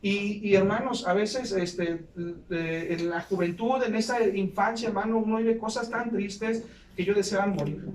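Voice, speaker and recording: A man's voice: high voice, unhurried, a little hiss or hum. A man preaching a sermon as pastor, fervent and often calling his listeners "brother". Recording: echoey room from a distance, faint ambience.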